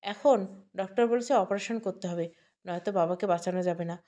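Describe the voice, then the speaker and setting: A woman's voice: lowish voice, fairly quick, dark tone, lightly acted. A woman voicing a pleading young friend. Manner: pleading, tearful. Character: desperate young male student friend.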